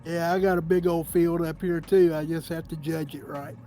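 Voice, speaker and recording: A man's voice: fairly high pitch, flat delivery, normal speed, dark tone. A man chatting casually with fellow players during a flight simulator session. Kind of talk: casual chat while flying in a flight simulator. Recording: noisy voice chat with engine drone.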